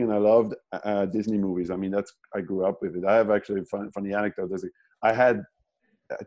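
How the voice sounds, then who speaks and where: A man's voice: on the low side, mellow, poor audio. A man from German-speaking Switzerland, an animator guest in a casual interview, who talks in a rambling way with many restarts and fillers.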